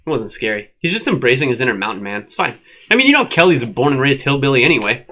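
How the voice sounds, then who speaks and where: A man's voice: mid-range voice, very animated, fast, sharp tone. A man co-hosting a live online show, chatting casually, teasing and laughing often. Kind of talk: casual banter. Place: at a desk at home with a dog.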